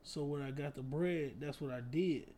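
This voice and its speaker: A man with a slightly high voice, telling laid-back stories in a casual chat. He talks in heavy slang and swears freely. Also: normal speed, dark tone, slight background noise. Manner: laid-back storyteller, laughs through his punchlines. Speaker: podcast co-host.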